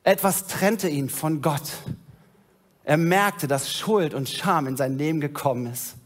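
Male pastor, sermon, storytelling, slightly high voice, hushed solemn drops. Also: unhurried. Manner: storytelling, drops low and soft at solemn moments. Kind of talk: sermon with scripture reading.

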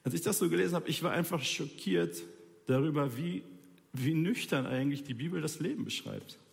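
A man's voice: fairly high pitch, expressive, fairly quick, creaky, long reverb tail. A man preaching an informal sermon, talking straight to his listeners in a colloquial, ironic way.

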